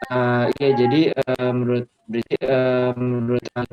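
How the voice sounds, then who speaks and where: A man joining a webinar over a video call and asking a question in a halting, hesitant way, with his audio choppy and cutting out. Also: mid-range voice, completely flat delivery, lo-fi sound, slight background noise. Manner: hesitant, halting, full of filler sounds. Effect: choppy online call audio that keeps breaking up. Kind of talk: casual spoken question.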